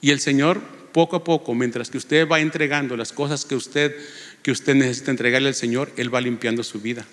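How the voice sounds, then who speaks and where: A man delivers a sermon in a church, his voice mid-pitched and earnest. He reads scripture aloud and presses his listeners with rhetorical questions. A long reverb from the hall hangs after each phrase. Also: steady tone, a little fast, fairly bright tone. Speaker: lay preacher. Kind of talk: sermon with Bible reading.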